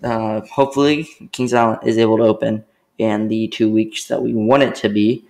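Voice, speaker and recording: A man's voice: fairly low pitch, steady tone, normal speed, a little mellow. A young man narrating his theme park vlog as a voice-over, eager and rambling, often restarting his sentences.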